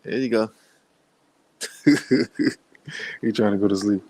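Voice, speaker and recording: A man's voice: lowish voice, slow, darkish tone, no echo, low-quality recording. A man telling a story to camera at home, casually and profanely, often laughing and talking straight to his viewers. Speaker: vlogger. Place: at home with his young son.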